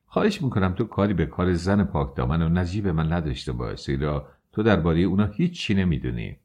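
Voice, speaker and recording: A man's voice: low-pitched, expressive, a little mellow, slightly rough. A man voicing a proud, jealous aristocratic count in an audiobook, speaking stiffly and indignantly.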